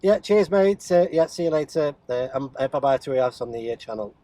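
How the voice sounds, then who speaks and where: Sitting in a car with faint vehicle noise in the background, this CB radio hobbyist vlogger talks casually and off the cuff, hesitant and thinking aloud as he shows his gear. He speaks a little fast with fairly high pitch, lively intonation, and a dark tone, with no room sound.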